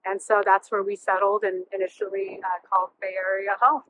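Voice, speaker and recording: Born near Chernobyl and brought to California as a child, this Russian-native woman in her thirties, now a realtor and once a firefighter, shares personal stories casually in an interview. She speaks briskly in a level, fairly bright medium-pitched voice. The audio is dull with slight background noise.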